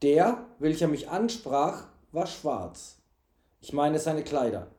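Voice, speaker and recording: A man voicing a cowardly young male servant who wails in high yelps. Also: sing-song, takes it slowly, dark tone. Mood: grudging. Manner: wailing, high-pitched yelps. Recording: echoey room.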